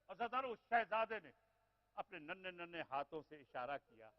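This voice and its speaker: High-voiced man delivering a mournful sermon. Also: lively intonation. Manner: swings between hushed, sorrowful narration and wailing cries; addresses the mourners directly, drawing out lamenting phrases. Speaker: Shia preacher at a mourning gathering. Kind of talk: impassioned Muharram mourning sermon. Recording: dull, lo-fi sermon recording.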